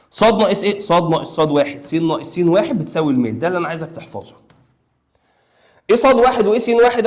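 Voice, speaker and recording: An Egyptian man in his young adult years explains math to students online. He talks in a quick rush with a voice pitched a little high. He is playful and encouraging, and he banters with the class like friends. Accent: Egyptian Arabic. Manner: rapid, playful and coaxing, talks to students as pals. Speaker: math teacher.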